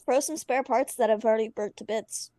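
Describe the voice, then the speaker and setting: A woman's voice: on the high side, a little fast, dark tone, no echo. A woman playing a tabletop game, speaking casually in an outspoken, bantering way.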